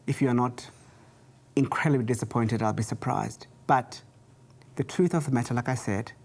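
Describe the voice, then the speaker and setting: A woman with a low voice speaks as a talent show judge. She is blunt and keeps pressing contestants for an answer. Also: moderate pace, a little mellow.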